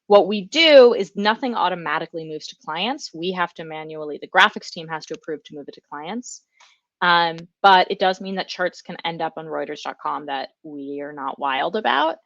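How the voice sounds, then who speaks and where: Low-voiced woman, chatty conference talk. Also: a bit bright, dry recording, muffled recording. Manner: chatty, enthusiastic, many fillers. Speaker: conference speaker. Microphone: video call.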